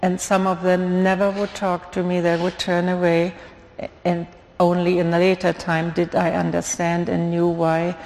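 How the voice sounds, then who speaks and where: A woman's voice: fairly low pitch, completely flat delivery, a little mellow, slight background noise. Earnest German-accented woman testifying in church. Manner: earnest, halting, with many fillers. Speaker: guest speaker giving testimony. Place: church sanctuary. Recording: long hall reverb.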